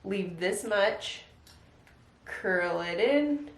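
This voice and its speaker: A woman's voice: medium pitch, drawn-out words. A young woman, a stay-at-home mom, chatting casually through a step-by-step get-ready-with-me routine at home. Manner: chatty, relaxed, step-by-step how-to with lots of "like". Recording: echoey room, voice a bit distant.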